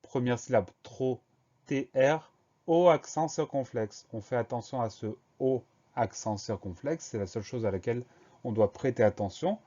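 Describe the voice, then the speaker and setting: Patient teacher spelling words aloud. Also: male voice, mid-range voice, mellow, muffled recording. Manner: slow, careful letter-by-letter dictation. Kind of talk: spelling lesson for young pupils.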